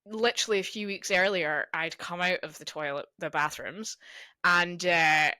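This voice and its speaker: A woman's voice: fairly low pitch, fairly even intonation, normal speed, pushed and bright, smooth, no echo. A young adult woman co-hosting a casual podcast chat. She tells stories and swears freely. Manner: chatty storyteller, swears freely. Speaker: podcast co-host.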